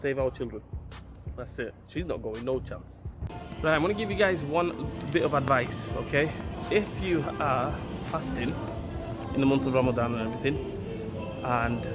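A man, vlogging casually to a handheld camera in his car, outdoors and in shops, chatty and excitable. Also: medium pitch, normal speed, loud music behind the voice. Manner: chatty, excitable, says "right?" and "let's go" often. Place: car, outdoors in town and by a river, shop. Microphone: phone or action camera held at arm's length.

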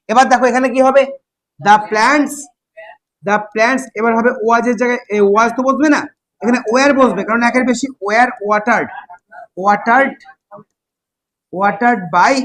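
A man's voice: high-pitched, fairly bright tone, poor audio. A man with a Bengali accent teaching an English grammar class, drilling students with repeated questions.

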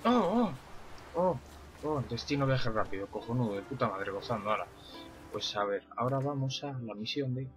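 A man commentating a video game play-through, excitable and swearing, talking back to what he sees on screen. His voice is bright and sharp at an ordinary middle pitch, with faint music underneath. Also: fast. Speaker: gaming streamer.

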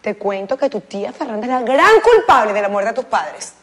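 A woman's voice: on the high side, very animated, fairly quick. An actress playing a scheming woman who needles and mocks others with sarcasm, in a telenovela. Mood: needling. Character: scheming, gossiping young woman. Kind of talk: telenovela acting.

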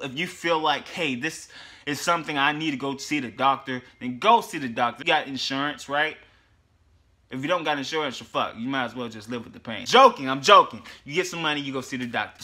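A young man talking casually in a fitness vlog, profane and joking, with sudden loud yelled bursts. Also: a little high. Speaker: fitness vlogger.

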